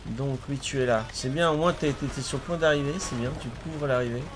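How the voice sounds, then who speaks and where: A man's voice: mid-range voice, brisk. A man streaming a video game with his cousin, chatting casually, exclaiming at the action and laughing often. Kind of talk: casual gaming commentary.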